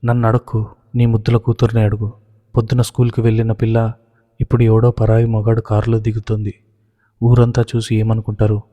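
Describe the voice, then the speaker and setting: A man voicing an angry, strict middle-aged father who shouts accusations. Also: fairly low pitch, monotone, brisk, long reverb tail, dull audio, lightly acted. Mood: furious.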